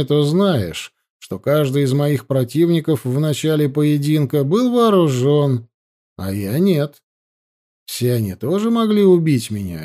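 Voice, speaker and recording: A man's voice: a little high, warm tone. Man doing a cold young werewolf chieftain. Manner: cold, measured, evasive.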